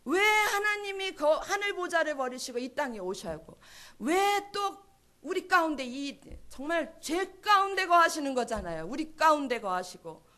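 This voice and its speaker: A woman's voice: high-pitched, very animated, normal speed, pushed and bright. A woman preaching a sermon at a church service, emphatic and full of rhetorical questions. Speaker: pastor's wife preaching.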